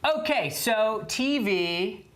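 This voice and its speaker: A woman hosting a casual review show who briskly steers the talk and passes turns to her co-hosts. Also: medium pitch, expressive, music in the background. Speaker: show host.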